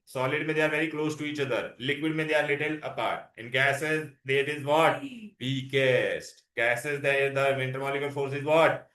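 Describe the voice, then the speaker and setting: Male teacher, Indian accent, bright forceful voice, roomy echo. Question-led classroom delivery, English with Hindi words mixed in. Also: mid-range voice, steady tone, normal speed. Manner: asks frequent questions, prompting for answers. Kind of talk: interactive classroom science lesson. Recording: echoey, roomy sound.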